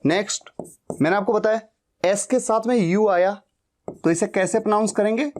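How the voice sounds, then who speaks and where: A man teaching English pronunciation, drilling each word slowly and saying it again and again. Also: high-pitched, a little mellow. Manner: drills words slowly, repeating them. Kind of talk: pronunciation lesson.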